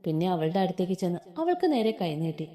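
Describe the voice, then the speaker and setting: A woman narrating a romantic family story in an expressive storytelling manner. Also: on the low side, fairly quick.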